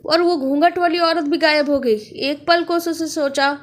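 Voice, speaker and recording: A woman narrating a spooky moral story in a plain, steady reading voice. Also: sits high, moderate pace.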